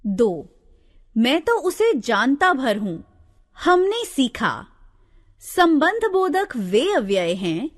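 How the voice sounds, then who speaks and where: A woman narrating a scripted grammar lesson, slowly listing examples one by one. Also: sits high. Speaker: teacher. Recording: long hall reverb.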